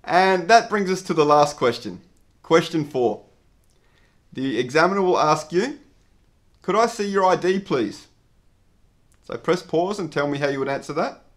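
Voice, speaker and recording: An Australian English teacher in his thirties delivers a scripted lesson straight to camera in an indoor studio with a dark backdrop. His voice sits slightly high, and he explains each point clearly at an even, measured pace.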